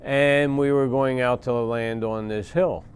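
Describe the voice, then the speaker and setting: A man in his sixties from Philadelphia, a veteran recounting war memories in a plain-spoken, halting way with pauses and fillers. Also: mid-range voice, steady tone, a little hiss or hum. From Philadelphia, USA. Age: 60s. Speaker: veteran interviewee.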